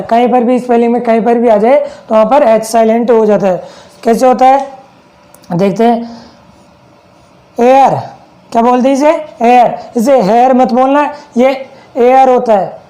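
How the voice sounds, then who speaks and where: A man with a very high, warm voice teaches an English lesson in a Hindi accent, captured with poor audio quality. In this classroom setting he repeats his points and poses rhetorical questions to check that students understand.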